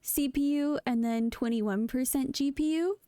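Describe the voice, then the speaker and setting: A woman's voice: high-pitched, normal speed, mellow, clean tone, dry recording, studio quality. A woman guest on a casual chat stream, easygoing and laughing along.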